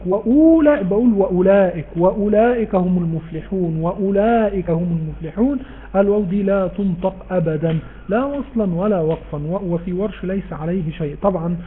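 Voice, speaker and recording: An Egyptian man teaches recitation rules to an online class, posing questions and answering them himself. His voice is high and he speaks quickly. It comes through a narrow, phone-like line with a faint hiss behind it. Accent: Egyptian Arabic. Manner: explains patiently, asks and answers his own questions. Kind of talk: live online class with students. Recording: tinny phone-like line with faint background noise.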